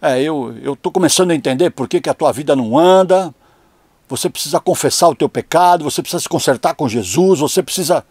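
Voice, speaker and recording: Guy putting on his strict religious mom, preachy and accusing, kinda gravelly, dry sound. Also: mid-range voice, normal speed, no echo. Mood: stern, accusing. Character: stern devout older mother, woman.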